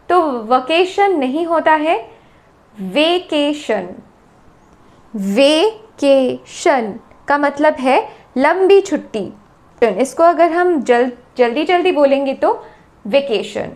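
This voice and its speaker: A woman with an Indian accent teaching English pronunciation, repeating each word slowly and drawing out its syllables. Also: sits high. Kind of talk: slow, deliberate pronunciation lesson.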